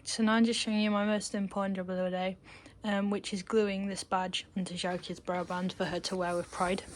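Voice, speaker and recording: This is casual vlog narration from a young woman at a horse yard, who chats and rambles with joking asides while she films. Her medium-pitched voice has little pitch movement and a brisk pace, captured in a rough recording with outdoor noise behind it.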